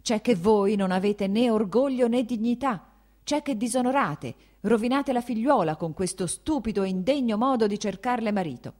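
A woman reading an audiobook, voicing an angry, blustering old prince who shouts and scoffs. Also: mid-range voice, animated, normal speed, pitched above the performer's own voice, close to an everyday voice. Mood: angry shouting. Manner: shouting, scornful, mocking.

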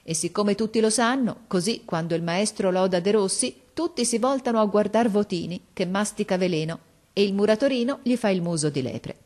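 A woman narrating an audiobook of a classic novel in an expressive, measured storytelling voice. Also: mid-range voice.

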